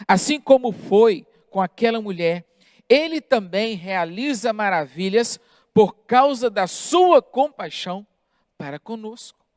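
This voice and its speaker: Slow, deliberate male pastor preaching. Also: high-pitched, a little mellow, dry recording, studio quality. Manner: deliberate preaching with emphatic pauses. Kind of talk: sermon.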